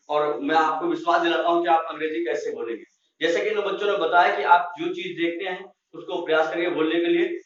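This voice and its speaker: A male teacher with an Indian accent urges his viewers to just start speaking. His voice is fairly high. He is heard from far off in a very echoey room. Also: a bit bright, muffled recording. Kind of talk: encouraging classroom talk.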